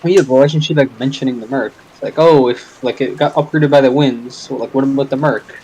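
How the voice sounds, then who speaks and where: A young man in a casual voice chat with friends, reading narration and talking in a hesitant, quiet, mumbling way. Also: mid-range voice, fairly even intonation, fairly quick, slightly rough, rough recording. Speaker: reads the narration in a group reading. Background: background music.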